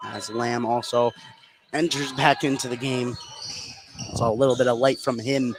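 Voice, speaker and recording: Courtside at a high school gym, a man delivers live basketball commentary as the play-by-play announcer. He speaks at a normal speed in a steady, mid-range voice, and the noisy broadcast carries loud gym ambience.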